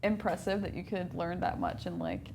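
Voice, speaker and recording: A young woman hosting a casual student interview, encouraging and quick to respond. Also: on the low side, big pitch swings, darkish tone, a little hiss or hum. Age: young adult. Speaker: student host.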